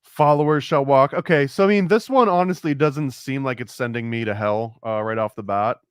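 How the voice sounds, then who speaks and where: A man's voice: mid-range voice, normal speed, clean tone, dry recording, clean studio sound. A man co-hosting a casual podcast chat, rambling and laughing often, his talk full of "like". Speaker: podcast co-host.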